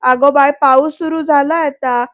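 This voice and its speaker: A woman with a Marathi accent tells a serial episode back as voice-over, speaking right to her viewers. Her voice sits high, and the recording is dry and a little dull, with no room sound. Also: measured pace, no room sound. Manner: lively storyteller, addresses viewers directly. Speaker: serial recap narrator. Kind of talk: voice-over episode recap with acted quotes.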